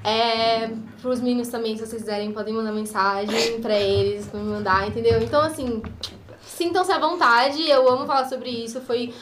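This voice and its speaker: A woman's voice: on the high side, fairly even intonation, moderate pace. A young woman, chatting casually and encouragingly as a podcast guest. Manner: chatty, encouraging, uses filler words. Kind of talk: casual chat. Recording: roomy studio echo with faint noise.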